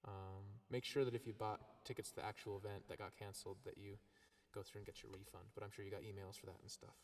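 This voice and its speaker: Low-voiced man with cave echo. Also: fast talker. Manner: rambling, relaxed, filled with ums and likes. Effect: echo effect, sounds like a big cave. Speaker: singer-songwriter. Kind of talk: casual chat between songs on a live stream.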